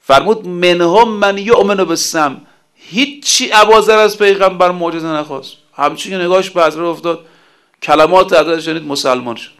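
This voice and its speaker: Preacher man reciting verses slowly. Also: a little high, a bit bright, clean tone. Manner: recites Arabic verses slowly, then explains in colloquial speech. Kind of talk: sermon.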